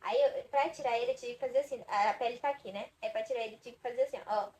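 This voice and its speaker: A woman's voice: a little high, rapid-fire, darkish tone, low-quality recording. A young woman from Brazil chatting to camera in a casual vlog, talking in a chatty, dramatic way and swearing to her viewers that it's true. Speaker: vlogger.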